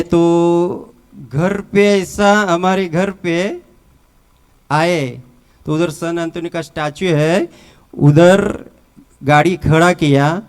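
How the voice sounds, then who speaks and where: A middle-aged man with a Mumbai Hindi accent shares his testimony at a church retreat, slipping Marathi words into his Hindi. His voice is slightly high for a man and smooth and resonant. He talks at an unhurried, slow pace, circling back over phrases as he tells the story. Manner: halting, repetitive storytelling. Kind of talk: personal faith testimony.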